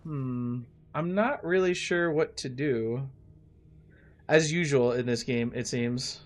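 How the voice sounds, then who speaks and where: This man, in his late thirties, is a live streamer who talks casually and warmly to viewers during gameplay, regularly thinking aloud. He has a mid-range voice and a slow pace.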